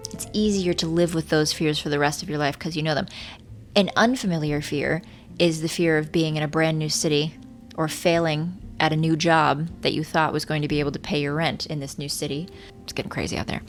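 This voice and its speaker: Low-pitched woman vlogging over rain and music. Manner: earnest, musing, addresses viewers directly. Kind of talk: casual reflective monologue to viewers. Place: hotel room. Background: rain from a storm, faint music.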